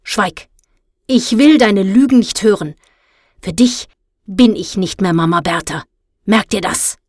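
A woman's voice: medium pitch, moderate pace, breathy edge, no echo, studio quality. A woman voicing a stern middle-aged house mother in a storybook reading, with a cold and harsh scolding manner. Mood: icy scolding.

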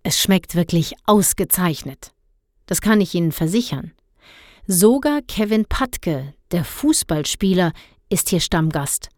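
A friendly, unflappable ice cream vendor answers with careful courtesy, as a woman reads him. He speaks slowly and soothingly, close to a dry mic. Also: on the low side, lively intonation, a little mellow, no echo. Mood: polite. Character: polite calm male ice cream seller.

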